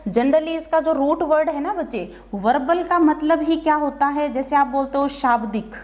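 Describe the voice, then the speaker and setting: A woman's voice: high voice, normal speed, a little mellow, echoey room, lo-fi sound. A woman teacher with a Haryana accent, patiently explaining vocabulary and checking that the class follows. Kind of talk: vocabulary lesson.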